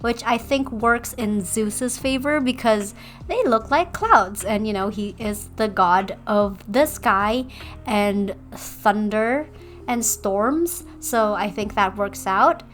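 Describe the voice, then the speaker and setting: A woman's voice: mid-range voice, takes it slowly, fairly bright tone. A young woman from Indonesia, chatting casually in a voice-over about her drawing process, with playful self-deprecating asides. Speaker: artist and video creator.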